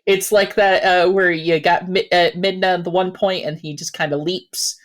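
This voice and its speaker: A woman playing a tabletop game, chatting casually and thinking aloud in halting, broken-up phrases. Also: lowish voice, fairly even intonation.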